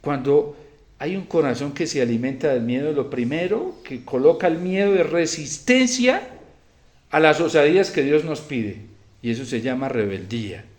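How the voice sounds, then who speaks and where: A man preaching a Sunday homily as a priest, swinging between quiet, grave passages and loud, fervent ones. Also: fairly high pitch, expressive, normal speed, echoey room. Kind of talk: sermon.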